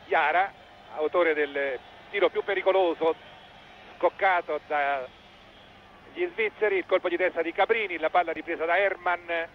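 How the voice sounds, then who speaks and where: Italian guy doing live soccer commentary, pretty high voice, old tv sound with loud stadium noise behind him. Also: unhurried, long pauses, lo-fi sound. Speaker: football commentator. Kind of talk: live football match commentary. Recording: noisy old 1980s television broadcast.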